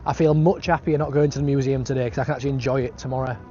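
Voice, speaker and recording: A man's voice: medium pitch, steady tone, rapid-fire, dark tone, soft background music. A British man chatting casually to his travel vlog outdoors, with laddish, slangy phrasing. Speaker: travel vlogger. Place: outdoors in city streets and park. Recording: dull lo-fi outdoor sound, street noise.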